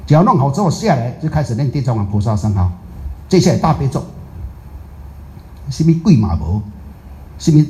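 A man speaking as a Buddhist master in a dharma talk, telling stories in a lively way, often quizzing his listeners and dropping English words into his speech. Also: medium pitch.

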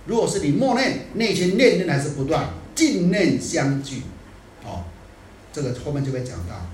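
A man giving a Buddhist dharma talk in a scolding, animated way, dropping in English phrases now and then. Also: fairly high pitch, moderate pace, a little hiss or hum. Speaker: Buddhist teacher. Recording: echoey room, distant mic.

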